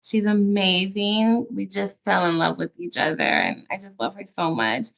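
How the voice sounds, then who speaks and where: A woman's voice: medium pitch, lively intonation, normal speed, vocal fry, fairly bright tone. A woman from the Bay Area hosting a casual video-call interview, effusive and enthusiastic, with frequent fillers. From San Francisco Bay Area. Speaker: interview host.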